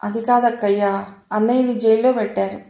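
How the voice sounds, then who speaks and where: A woman voicing a distraught younger brother who speaks in halting, sobbing pleas in an audio novel. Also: on the high side, steady tone, warm tone, reverberant, natural voice.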